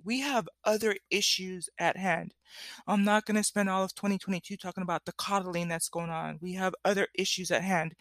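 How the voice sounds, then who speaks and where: A woman's voice: mid-range voice, no echo. A woman content creator speaking directly to her followers in impassioned commentary, emphatic, repeating key phrases and checking in as she goes. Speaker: content creator, host of a solo show.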